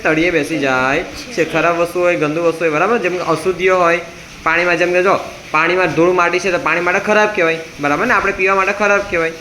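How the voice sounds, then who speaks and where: A man's voice: sits high, sharp tone, slight background noise. A man teaching a science class with a Gujarati accent, drilling students by asking a question and repeating the answer again and again. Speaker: tuition teacher. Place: tuition classroom.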